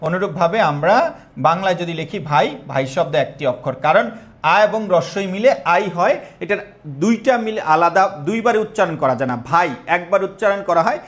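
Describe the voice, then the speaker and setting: A man's voice: high voice, fairly quick, fairly bright tone. A young man with a Bangladeshi Bengali accent teaching a live online exam-prep class, repeating questions and quizzing students.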